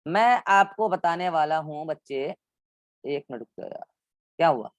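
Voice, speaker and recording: A man's voice: fairly high pitch, lively intonation, normal speed, dry recording. A male biology teacher giving an online class in with English science terms, walking students through textbook diagrams and repeating instructions.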